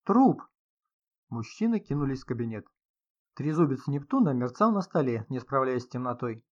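A man reading a detective story aloud in a steady, measured, dramatic narration. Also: mid-range voice. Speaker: audiobook narrator. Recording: slightly dull lo-fi sound.

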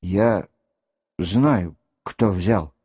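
A man voicing a tense young male cadet who speaks low with a trembling, strained voice. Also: drawn-out words, mellow, husky, no room sound, clean studio sound, exaggerated voice.

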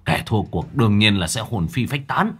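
A man voicing an evil, scheming old sorcerer ghost who talks slowly and with menace, husky and low. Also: lively intonation. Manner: slow, menacing, cackling.

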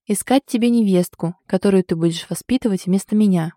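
A woman's voice: mid-range voice, fairly quick, dark tone, no room sound, studio quality, close to an everyday voice. A woman voicing a sly joking ex-soldier man. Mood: teasing. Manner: mocking, playful.

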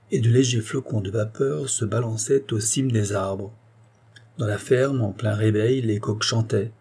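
A man reading a classic story aloud as an audiobook narrator, in a measured storytelling manner. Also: medium pitch, dark tone, husky. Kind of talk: scripted narration.

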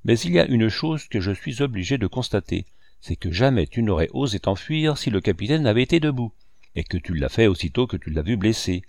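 A grave old ship's doctor, earnest and gently reproachful, as a male reader voices him. The tone sits fairly low and the sound is close and dry, with no room around it. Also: very animated, a little fast, vocal fry, dry recording, exaggerated voice. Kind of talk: audiobook dialogue reading.

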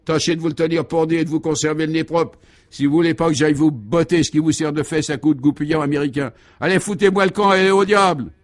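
A man's voice: fairly high pitch, fairly even intonation, quick pace, voice pushed up, natural voice. A man playing a foul-mouthed, grumpy parish priest who rants insults at his flock in a radio comedy. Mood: furious. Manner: ranting, insulting. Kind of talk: 1950s radio comedy acting.

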